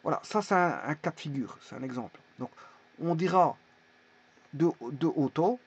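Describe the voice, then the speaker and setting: Husky man teaching haltingly. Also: on the high side, animated. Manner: halting, many fillers and restarts. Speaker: language teacher. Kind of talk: casual explanatory lesson. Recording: dull lo-fi recording.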